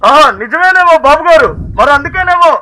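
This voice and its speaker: Man playing a very high, bright junior politician. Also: animated, a little fast, heavily acted, poor audio. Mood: mock-respectful. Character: deferential junior male politician, a needling disciple. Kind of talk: satirical street play.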